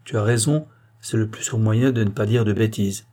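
A man's voice: on the low side, steady tone, normal speed, dark tone, lightly acted. A man voicing a wry chatty detective. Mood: musing. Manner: chatty, talks to his cane. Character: wry male amateur detective musing aloud. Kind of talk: audiobook character reading.

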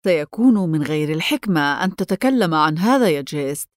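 A woman's voice: low voice, lively intonation, brisk, dry recording, studio quality. A woman reading the lines of a reserved middle-aged male lawyer in a storybook, in a grave, guarded manner.

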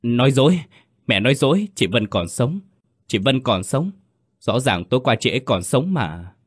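A man voicing a frightened teenage girl who turns grieving and defiant in a ghost story reading, shrill and tearful. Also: animated, moderate pace, breathy edge. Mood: anguished.

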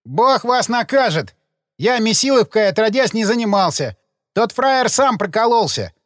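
A man's voice: sits high, animated, brisk, no room sound, pitched above the performer's own voice. A man reading an audiobook, voicing a sullen, frightened male cemetery laborer who talks in agitated, defensive, slangy bursts.

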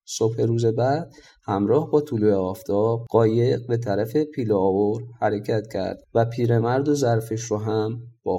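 Calm male storybook narrator, mellow tone. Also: fairly low pitch.

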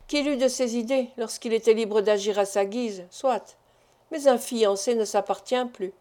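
A woman narrating a classic novel as an audiobook, in a measured, expressive reading. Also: fairly high pitch.

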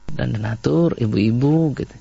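Indonesian male preacher, husky and gravelly tone, dull lo-fi recording. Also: mid-range voice, a little slow. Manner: repetitive, animated storytelling with acted quotes. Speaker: Islamic preacher. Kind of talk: radio-style sermon on marriage.

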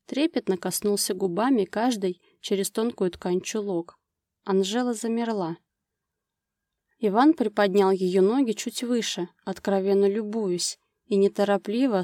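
Woman reading a romance audiobook, warm mellow voice, smooth expressive storytelling, dry close recording. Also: mid-range voice, dry recording. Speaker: audiobook narrator. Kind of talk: scripted romance novel narration.

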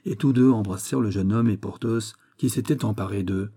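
A man reading a classic novel aloud as a narrator, in a steady literary manner. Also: on the low side, a little fast. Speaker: audiobook narrator. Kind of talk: scripted narration.

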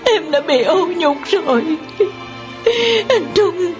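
A woman's voice: very high-pitched, big pitch swings, takes it slowly, heavily acted. An actress playing a shamed, despairing young woman who is crying and pleading in a radio drama. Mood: sobbing despair. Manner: sobbing, wailing pleas. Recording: dull lo-fi radio drama recording. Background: music.

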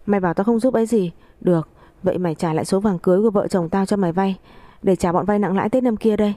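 A woman's voice: medium pitch, rapid-fire, mellow, no room sound, lightly acted. A woman voicing an angry older brother who scolds his sibling with harsh contempt. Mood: contemptuous angry. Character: angry elder brother, the narrator's husband.

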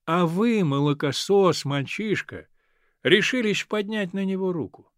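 A man's voice: high-pitched, expressive, unhurried, dry recording, studio quality, voice pushed up. Man voicing a stern old countess grandmother. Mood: indignant. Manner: drawls each word, imperious.

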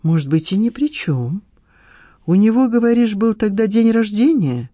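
Reader playing a stern woman interrogator, pressing and irritated, mellow tone. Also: medium pitch, sing-song, moderate pace, dry recording, studio quality, pitched above the performer's own voice. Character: stern, sharp-tongued middle-aged woman interrogator. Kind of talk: audiobook dialogue.

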